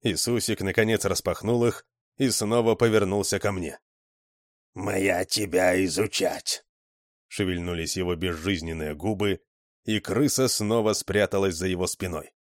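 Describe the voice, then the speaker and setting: A man reading a story aloud as narrator, steady and even. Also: deep voice, normal speed, dry recording, clean studio sound. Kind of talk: scripted audiobook narration.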